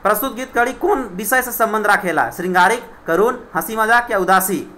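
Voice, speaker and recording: A woman leads an exam-prep quiz lesson in a bright, forward voice. She chants each folk song verse slowly with a sing-song lilt before putting the question to her listeners. Her pitch sits in the middle range. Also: animated.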